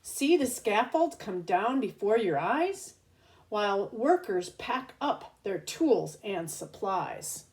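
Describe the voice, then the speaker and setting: Reading a picture book to children, a teacher speaks at medium pitch in a lively, child-directed way. She pauses along the way to explain what's happening.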